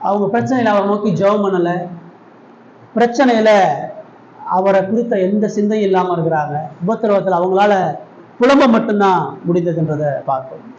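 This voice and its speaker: A man's voice: sits high, normal speed, pauses often, a little mellow, reverberant, muffled recording, slight background noise. A man preaching a sermon as pastor, speaking earnestly with repeated rising refrains.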